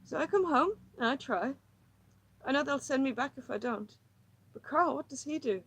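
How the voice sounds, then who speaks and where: Woman narrator playing a frazzled housewife in a storybook reading; high, pleading, rambling, louder than the narration. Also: lively intonation, moderate pace, no room sound, low-quality recording. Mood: agitated. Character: anxious troubled housewife, rambling and wounded.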